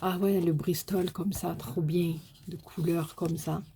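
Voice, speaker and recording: A woman's voice: on the low side, fairly even intonation, a little slow, creaky, mellow, slight background noise. A woman with a Marseille accent chatting casually as she opens a parcel on her vlog, gushing and swearing with delight. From Marseille, France. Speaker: crafting YouTuber.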